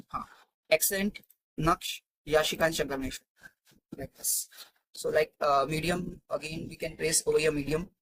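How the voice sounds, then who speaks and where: A man walks through spreadsheet formulas in a screen-recorded tutorial. He talks in a halting, think-aloud way, with frequent fillers and restarted phrases. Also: a little high, fairly bright tone, rough recording. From India. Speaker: Excel tutor.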